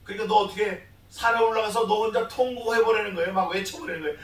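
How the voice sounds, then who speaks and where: A man preaching an expository sermon as pastor, animated, questioning his congregation and acting out scripture voices. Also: high voice, fast talker, roomy sound, distant mic, poor audio. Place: church sanctuary.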